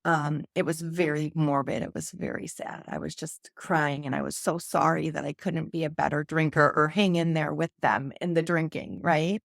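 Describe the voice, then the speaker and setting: A woman with a lowish, gravelly voice speaks earnestly and openly in long flowing runs. She is a podcast guest telling her own story in a close, dry sound. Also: fairly even intonation, moderate pace, hardly any pauses, no echo. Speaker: podcast guest, sober coach. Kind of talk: candid personal storytelling in a podcast conversation.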